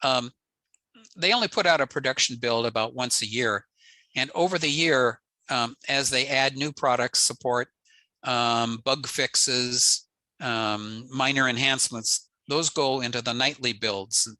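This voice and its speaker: Poor audio with no echo carries the bright, forceful mid-range voice of an older American amateur radio fan. He walks through an informal technical slide presentation at a measured pace, matter-of-fact and plain-spoken, on an indoor video call.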